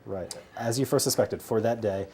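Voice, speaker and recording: A man's voice: lowish voice, normal speed, warm tone, husky. Man teaching a Greek class. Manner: drills students, jokes and laughs. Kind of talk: classroom lesson.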